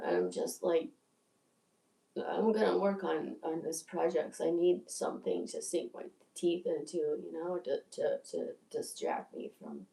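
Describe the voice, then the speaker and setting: On a livestream, a video creator in her sixties works through a rambling monologue that is candid and profane, full of stammering restarts. Her voice is on the low side, creaky and warm. The room echoes, and she is far from the mic.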